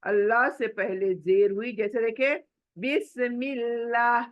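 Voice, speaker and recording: A woman teaching Quran recitation, patiently explaining and repeating each word slowly so learners can follow along. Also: fairly high pitch, dull audio. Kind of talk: spoken lesson with slow recited examples.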